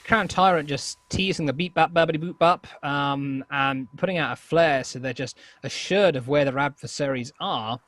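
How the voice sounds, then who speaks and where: A man giving color commentary on a video game match, with a voice a little higher than most men's. He mixes light jokes in with his play descriptions, and he lets out loud, surprised exclamations when the action turns. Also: moderate pace, few pauses, no echo. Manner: playful, jokey asides, loud surprised exclamations. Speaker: esports co-commentator.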